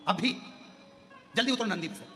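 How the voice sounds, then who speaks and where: A man's voice: high voice, moderate pace, a bit bright, voice pushed up. A man voicing the goddess Parvati as an insistent wife who presses her husband with questions, heard with long hall reverb and faint music.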